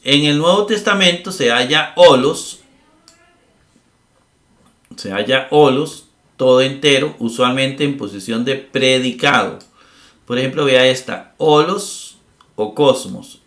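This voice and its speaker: A man's voice: medium pitch, fairly bright tone. Patient man teaching grammar in a roomy space. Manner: patient, explains step by step with frequent "verdad?" and "eh". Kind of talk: recorded grammar lesson.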